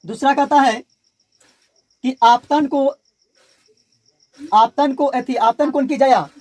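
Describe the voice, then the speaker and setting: A man's voice: very high voice, slow, a little mellow, dry recording. Male teacher, Bihari Hindi accent, classroom physics lecture, repetitive, quizzes students call-and-response.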